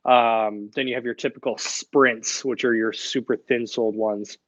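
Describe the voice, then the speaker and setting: A man's voice: medium pitch, fairly even intonation, moderate pace, no echo, dull audio. A young man hosting a live online Q&A, talking casually and directly. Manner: casual and direct, chatty with fillers. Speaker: host of a live Q&A stream.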